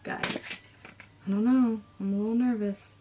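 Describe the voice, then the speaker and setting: A woman's voice: on the high side, fairly even intonation, moderate pace, over music. A young woman chatting casually as she does her makeup for a vlog, drifting into whispers now and then. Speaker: beauty vlogger.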